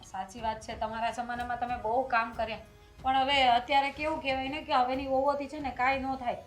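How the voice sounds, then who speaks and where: A woman plays a timid, placating daughter-in-law. Her voice is high, and she speaks hesitantly, stumbling over her words. Faint music plays underneath. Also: level tone, brisk, close to an everyday voice. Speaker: actor in a short film. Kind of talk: family drama acting.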